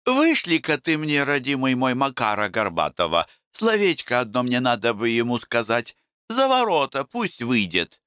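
A male reader voicing a kindly village woman who gently coaxes, in a folksy way. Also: mid-range voice, huge pitch swings, moderate pace, clean tone, dry recording, studio quality, pitched above the performer's own voice. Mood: coaxing. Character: kindly elderly village woman, coaxing, caring.

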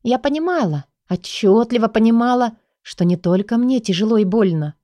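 A woman's voice: fairly high pitch, lively intonation, moderate pace, mellow, dry recording. A woman narrating a first-person romance audiobook, with a dramatic, emotionally charged reading.

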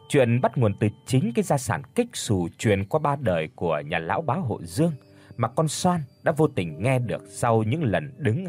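A man narrating a dramatic story for an audiobook in an expressive storytelling manner. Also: medium pitch. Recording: faint background music.

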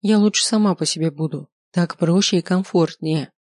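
A reader voicing a sharp-tongued young woman heroine in an audiobook, speaking with grumbling defiance. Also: medium pitch, moderate pace, no room sound, lightly acted. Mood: grumpy. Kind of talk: audiobook character voice.

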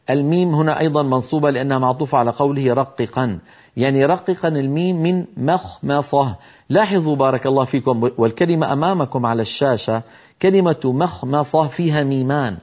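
A man's voice: fairly high pitch, a little mellow. Man teaching Quran recitation, dull audio. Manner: explains carefully, slowly demonstrating pronunciations. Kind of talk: televised tajweed lesson.

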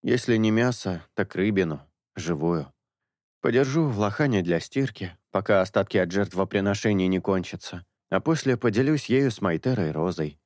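A man's voice: lowish voice, expressive, normal speed, darkish tone, dry recording, clean studio sound, natural voice. Man voicing a patient, coaxing young priest. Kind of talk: audiobook character dialogue.

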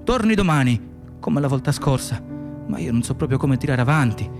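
In a radio play, a male actor voices an exhausted, anxious Moroccan immigrant nurse, muttering his inner thoughts in fragmented, repetitive phrases across monologue and dialogue. His voice is medium-pitched, expressive, fairly quick and creaky, set over music, with a weary, anxious mood.

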